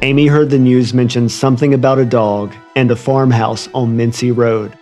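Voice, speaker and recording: A man's voice: medium pitch, fairly even intonation, normal speed, a little mellow. A man narrating a scripted true crime story in an ominous, literary storytelling manner. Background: music under the voice.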